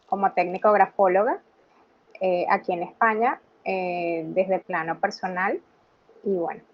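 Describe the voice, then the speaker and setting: A woman's voice: lowish voice, steady tone, unhurried, highs cut off. Woman in her thirties, filler-heavy. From Venezuela. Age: 30s. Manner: conversational, frequent "eh" and "ok" fillers. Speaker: guest, graphologist. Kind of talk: casual video-call interview.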